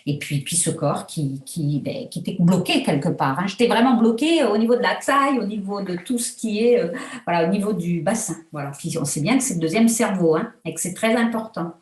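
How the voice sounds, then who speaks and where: A woman's voice: mid-range voice, animated, brisk, roomy sound. A woman in her sixties, a therapist, tells her story with feeling over a video call, full of hesitations. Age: 60s. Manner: emotional, storytelling, many fillers. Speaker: therapist guest.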